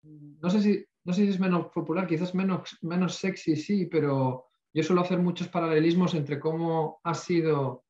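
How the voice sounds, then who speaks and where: A man's voice: fairly high pitch, fairly even intonation, normal speed, few pauses, darkish tone. A man in an informal expert discussion, reflective, often adding tag questions and English tech terms to his Spanish. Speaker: panel participant. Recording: echoey room, dull lo-fi audio.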